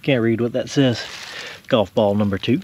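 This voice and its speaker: A man's voice: mid-range voice, normal speed, darkish tone, a little hiss or hum. A man, narrating casually as he explores rural woods and thinks aloud about what he finds. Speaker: explorer vlogger.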